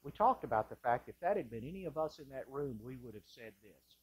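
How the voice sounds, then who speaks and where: A male pastor delivering an impassioned sermon in a church sanctuary, moving between loud bursts and hushed lines. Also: mid-range voice, animated, fairly quick, slightly rough.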